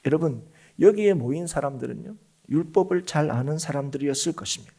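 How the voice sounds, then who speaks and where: A middle-aged man preaching a sermon in a church, asking the congregation rhetorical questions and moving between loud emphatic phrases and hushed asides. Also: fairly high pitch, fast, gravelly, breathy edge. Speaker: pastor. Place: church sanctuary.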